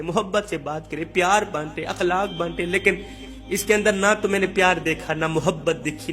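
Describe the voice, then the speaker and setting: A man's voice: high-pitched, fairly bright tone. A man voicing a grieving, mistreated young wife who pleads tearfully and repeats herself.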